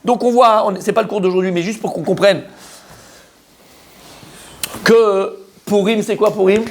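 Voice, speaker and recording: A man teaching a lively religious class to a room of men, asking questions and answering them himself, mixing Hebrew terms into his French. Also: sits high, unhurried. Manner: acts out the story's characters, mixes Hebrew terms into French.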